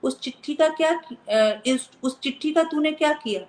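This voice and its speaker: A woman's voice: high voice, normal speed, voice pushed up, lightly acted. A woman voicing an earnest, hurt teenage boy with a pleading, indignant manner in a spoken story. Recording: roomy echo.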